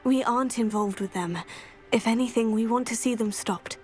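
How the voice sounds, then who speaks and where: A woman playing a resolute, cautious teenage witch in a video game, calm and matter-of-fact. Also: fairly high pitch, moderate pace, soft background music, close to an everyday voice. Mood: calm, firm. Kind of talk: video game character acting.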